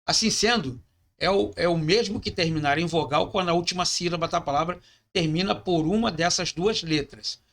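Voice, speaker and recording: A man's voice: on the high side, normal speed, fairly bright tone. A man teaching a lesson, explaining step by step and often checking in with the class. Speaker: Hebrew teacher. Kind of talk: classroom lecture.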